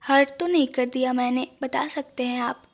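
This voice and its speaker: Tender young husband for an audio story, read by a woman: soft, affectionate, high and even. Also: normal speed.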